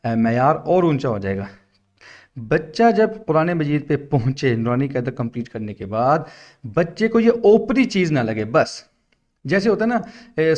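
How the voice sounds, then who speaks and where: A man's voice: medium pitch, lo-fi sound. Patient male Quran teacher explaining shapes. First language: Urdu. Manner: explains patiently, drawn-out syllables when spelling. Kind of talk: instructional talk to teachers.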